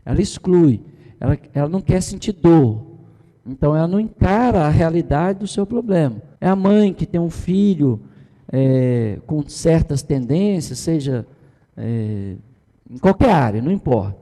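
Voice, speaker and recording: A man's voice: fairly high pitch, expressive, a little slow, dark tone. Middle-aged man teaching with long reverb. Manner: conversational, tag questions, mimics the people he quotes. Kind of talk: informal church teaching.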